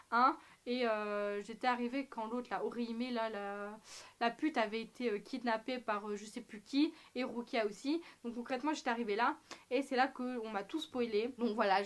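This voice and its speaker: A young woman with a fairly high voice chats to her camera in a loose, unscripted vlog. She plays up her delivery with ironic, exaggerated emphasis, drops in slang and fills pauses with lots of ums. It sounds like a home room recorded on the camera's own mic. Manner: animated, ironic, exaggerated, slangy, many fillers. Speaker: anime vlogger.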